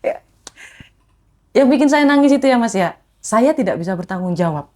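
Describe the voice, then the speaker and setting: Animated young woman telling a story. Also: on the high side, moderate pace. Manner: animated, acts out quoted voices. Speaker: guest, former ride-hailing driver. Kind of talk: emotional storytelling in a podcast interview.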